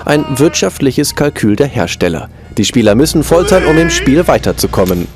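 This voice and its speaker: A man's voice: mid-range voice, very animated, normal speed, over loud music. A man reading a scripted news report as a reporter.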